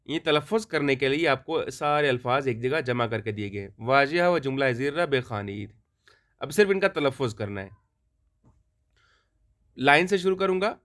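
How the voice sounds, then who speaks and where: A man teaching a Farsi lesson, reading sentences slowly for pronunciation and explaining them quickly. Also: medium pitch, lively intonation, fairly bright tone. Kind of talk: language lesson explained in Urdu.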